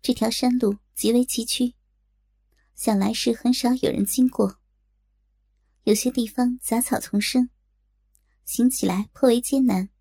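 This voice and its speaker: A woman narrating a martial-arts audiobook in a measured, steady manner. Her voice is somewhat high, mellow and husky, with a gravelly edge. The recording is dry and close. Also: no room sound. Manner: measured, storytelling.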